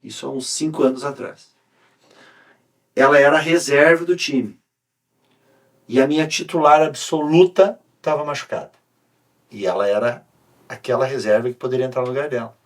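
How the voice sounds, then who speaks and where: A man, a sports coach talking on a podcast, telling an animated story with many restarts. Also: mid-range voice, moderate pace, pauses often. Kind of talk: casual podcast conversation.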